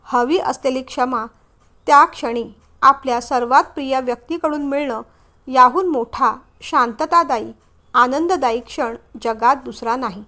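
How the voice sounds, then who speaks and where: High-voiced woman reading a story. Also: a little slow. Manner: expressive, emotional reading. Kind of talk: scripted story narration.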